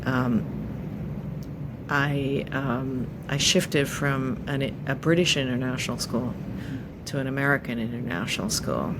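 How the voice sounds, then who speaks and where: A middle-aged woman from Japan, answering interview questions thoughtfully with pauses and fillers. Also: extremely low pitch, noisy background. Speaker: podcast guest.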